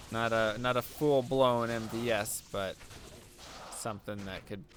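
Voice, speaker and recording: A young man's fairly low voice comes through with slight background noise. Streaming a video game, he chats loosely, answers questions from viewers aloud, and notes that he's losing his voice.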